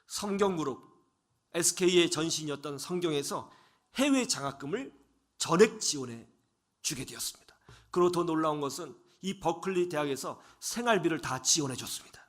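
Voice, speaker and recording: A middle-aged male preacher telling a story in a radio sermon, dramatic, dropping at times to hushed whispers. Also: on the high side, expressive, a little fast.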